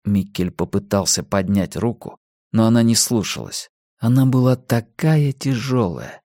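Male audiobook narrator, urgent delivery, animated pitch, dry recording. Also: measured pace, no echo. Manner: tense, urgent storytelling. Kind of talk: audiobook reading.

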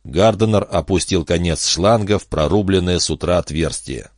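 A man reading an audiobook in steady, measured scripted narration. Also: low voice, dry recording, clean studio sound.

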